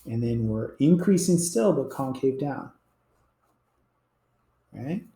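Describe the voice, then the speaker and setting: A man's voice: mid-range voice, lively intonation, slow, creaky. A man teaching a calculus class, explaining casually and letting his voice drop off at the end of each point. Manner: casual and explanatory, trails off quietly at ends of points. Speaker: math teacher. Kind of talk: classroom lecture at a board. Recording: roomy classroom echo.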